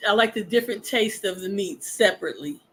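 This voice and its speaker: A speaker with a mid-pitched voice chats casually among friends. The speaker reminisces in drawn-out remarks. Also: crowd noise. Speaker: friend in group chat. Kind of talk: casual chat.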